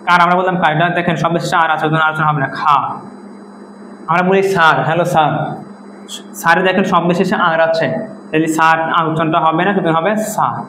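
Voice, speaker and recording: A man's voice: a little high, fairly bright tone, slight background noise. A man teaching an English pronunciation lesson in classroom style, explaining rules step by step and repeating example words. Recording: echoey room with faint background ambience.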